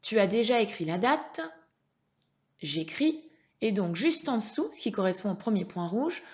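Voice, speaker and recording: A woman teacher leading a reading lesson for young children, slow and patient, sounding out syllables. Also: medium pitch, very animated, a little mellow. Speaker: primary school teacher.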